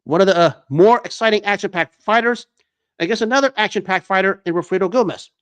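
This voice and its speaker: High-voiced man hosting sports talk. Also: quick pace, a bit bright, clean tone. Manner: enthusiastic, stop-start with restarts and fillers. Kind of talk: unscripted sports commentary monologue.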